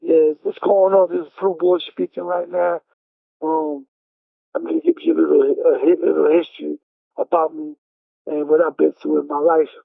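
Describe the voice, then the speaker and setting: Male caller with a New York accent on a prison payphone line: gravelly, halting delivery, tinny phone audio. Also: a little high, little pitch movement, no echo. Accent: New York City. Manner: halting, repeats words and restarts. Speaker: incarcerated caller. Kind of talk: casual storytelling over a phone call.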